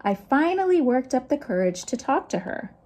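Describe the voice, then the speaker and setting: Her high voice is very animated and a little mellow, moving at a moderate pace. The speaker is a middle-aged woman working as a youth librarian, hosting a storytime where she reads picture books expressively and chats with young listeners via questions and asides.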